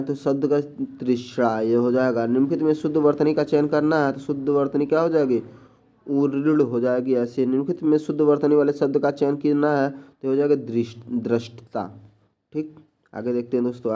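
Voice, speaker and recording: A man with a mellow, warm voice leads an exam-prep spelling lesson. He works through each answer plainly, repeating key words as he goes. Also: medium pitch. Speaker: teacher.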